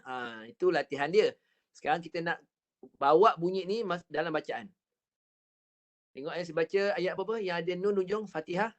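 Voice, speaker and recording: Malaysian male recitation teacher, slightly high voice, patient drill-style delivery on a video call. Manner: patient, repetitive drilling with counted practice and demonstrations; stretches words very slowly when showing the recitation. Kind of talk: online recitation lesson. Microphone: computer mic on a video call.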